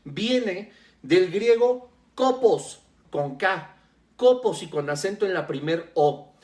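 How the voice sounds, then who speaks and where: A man's voice: high-pitched, expressive, slow, darkish tone. A man preaching a sermon as a pastor, teaching earnestly and speaking straight to the listener. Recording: roomy echo.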